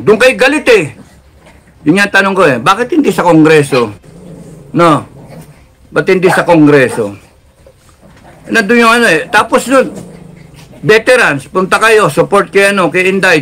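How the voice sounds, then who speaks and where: A man with a Filipino accent giving a heated political rant, mixing Tagalog and English, swinging from loud outbursts to low, controlled intensity. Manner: heated, swings between shouting and lowered intensity. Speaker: political commentator.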